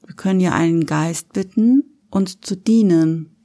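A woman's voice: fairly low pitch, a little slow, warm tone. A woman in casual chat, making her point in a matter-of-fact, argumentative way. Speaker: podcast co-host.

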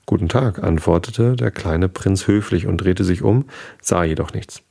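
A man reading a picture book aloud, calm and unhurried. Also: low-pitched, vocal fry. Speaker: reader.

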